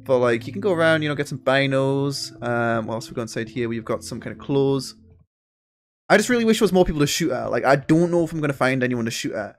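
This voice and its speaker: A man's voice: medium pitch, lively intonation, fast talker, soft background music. A man giving rambling, profane, laid-back commentary as he plays a video game, talking into a gaming headset at home. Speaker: gaming streamer. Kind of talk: casual let's-play commentary.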